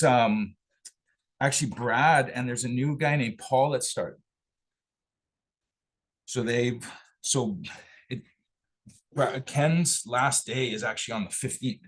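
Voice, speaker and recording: Man, husky voice, easygoing chat, presenter testing his mic. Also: medium pitch, slow pace, long pauses. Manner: chatty and easygoing, checking in with others. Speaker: presenter at a real estate office meeting. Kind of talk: casual chat while testing audio. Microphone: own microphone on a video call.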